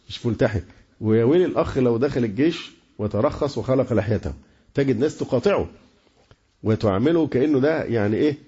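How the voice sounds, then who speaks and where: A man's voice: medium pitch, warm tone, slightly rough. A man with an Egyptian accent giving a religious lecture in a colloquial tone, often stumbling and repeating words as he searches for them. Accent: Egyptian Arabic. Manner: colloquial, many repeated hesitations. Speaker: preacher. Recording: dull lo-fi lecture recording.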